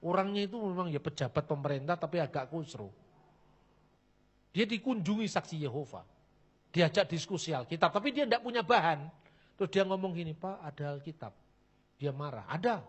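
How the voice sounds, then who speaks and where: A man giving a lively religious talk, blunt and mocking, acting out the people in his stories. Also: on the high side, brisk, breathy edge. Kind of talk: lively lecture with anecdotes.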